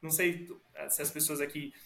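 Echoey Brazilian man, higher-pitched voice. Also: little pitch movement, fairly quick, bright, forceful tone. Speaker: podcast guest. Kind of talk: casual reflective conversation. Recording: roomy echo.

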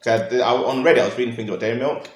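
A man's voice: mid-range voice, steady tone, racing, a little hiss or hum. A young man with a London accent, chatting casually in informal slang. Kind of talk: casual chat. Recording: roomy, echoey sound.

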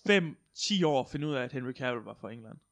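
A young man in casual chat, teasing and playful. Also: medium pitch. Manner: teasing, playful, lively intonation.

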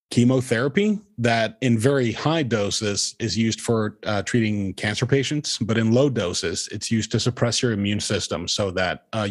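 A young man from Norway, co-hosting a podcast in casual, earnest chat. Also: on the low side. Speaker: podcast co-host.

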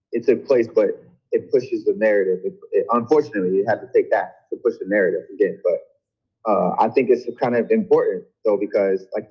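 A man's voice: lowish voice, breathy edge. A man joining a casual group discussion over a poor, unclear online call, talking hesitantly with many fillers and restarts. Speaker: discussion participant. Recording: muffled lo-fi call audio.

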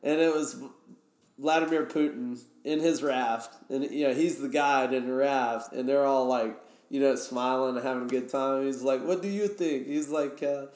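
A man's voice: medium pitch, level tone, moderate pace, a little mellow. A man guest casually telling stories, rambling with many restarts. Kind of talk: casual storytelling. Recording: roomy echo.

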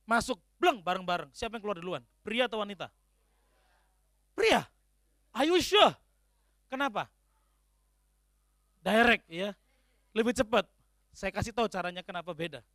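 A man gives a humorous sermon to his congregation. His voice sits very high and swings widely in pitch, and he acts out the people he quotes. The sound is dry and close. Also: sharp tone, no room sound. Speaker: speaker addressing a congregation. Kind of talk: humorous sermon-style talk.

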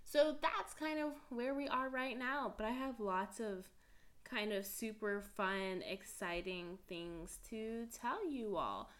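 A woman's voice: on the high side, slow pace, a bit bright. Bubbly chatty woman podcast host. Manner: bubbly and chatty, full of "like" fillers; apologetic and self-mocking. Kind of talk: casual chat.

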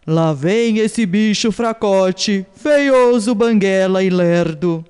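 A woman's voice: mid-range voice, takes it slowly, darkish tone, clear, resonant tone, natural voice. A woman voicing a boastful river caiman in a storybook tale, scoffing and mocking. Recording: distant, long hall reverb.

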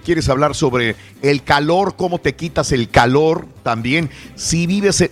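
A man in his forties, from the Mexico–Texas border region, hosting a radio show in casual chat, reading listener messages aloud. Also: a little high. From northern Tamaulipas and South Texas. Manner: lively, chatty, reads listener messages aloud.

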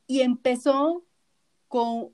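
A woman's voice: sits high, very slow, darkish tone. Venezuelan-accented woman, blunt co-host in casual chat. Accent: Venezuelan Spanish. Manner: frank, blunt, swears casually.

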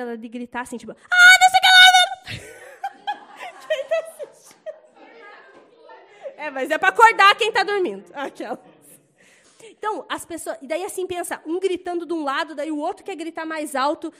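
A young Brazilian woman with a Brazilian Portuguese accent giving a casual, chatty church testimony and acting out loud quotes. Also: sits high. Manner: chatty, animated storytelling with loud acted quotes.

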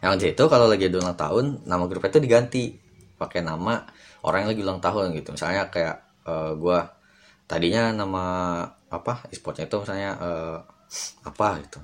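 A man's voice: low-pitched, quick pace, long pauses, a little hiss or hum. A young man telling a personal story in a casual, rambling podcast monologue full of fillers. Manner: rambling, many fillers, slangy. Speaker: podcast host.

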